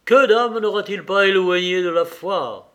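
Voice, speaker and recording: Solemn weary official, as a reader voices him. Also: male voice, high-pitched, unhurried, sharp tone, voice pushed up, heavily acted. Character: weary, solemn high official, middle-aged man.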